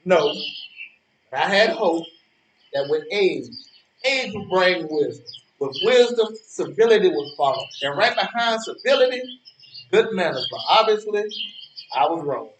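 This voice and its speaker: An actor plays a preachy, indignant old man, a lonely regular on a park bench, in stage play dialogue. His high voice is animated and exasperated as he moralizes haltingly, repeating words for emphasis. The recording is echoey and distant, with noisy ambience and birdsong.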